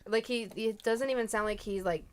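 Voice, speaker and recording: A woman's voice: a little high, a little fast. A woman chatting on a casual comedy podcast, adding short dry quips.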